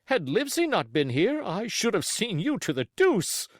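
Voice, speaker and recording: Man playing a blustering squire, high and emphatic. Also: huge pitch swings, moderate pace, dry recording, studio quality, full character voice. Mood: indignant. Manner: indignant, emphatic, haughty. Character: hot-tempered, blustering English country squire.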